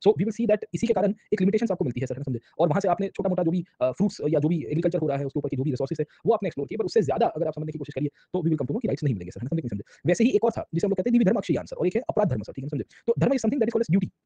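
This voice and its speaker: A man with an Indian accent delivers a history lecture at a very fast clip, always checking whether the class has understood. His voice is husky and deeply mellow. The recording is dry and dull, like muffled lo-fi audio. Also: big pitch swings, no room sound. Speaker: history teacher. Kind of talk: lecture in mixed Hindi and English.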